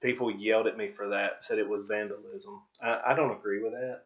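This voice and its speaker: A man's voice: lowish voice, fairly even intonation, brisk. Casual male vlog host, dull lo-fi sound. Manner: rambling, informal storytelling. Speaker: video host. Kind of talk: casual commentary over own footage. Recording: dull, lo-fi microphone audio.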